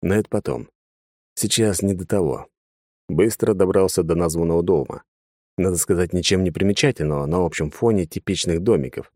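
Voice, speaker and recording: Deep, dark-voiced male audiobook narrator. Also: fairly quick, no room sound, studio quality. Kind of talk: first-person audiobook narration.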